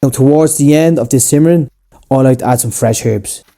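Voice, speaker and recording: Young Irish male cooking host, dark mellow voice, casual and blunt. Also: medium pitch, fairly quick. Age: young adult. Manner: casual, chatty and blunt with local slang. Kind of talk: scripted cooking voice-over.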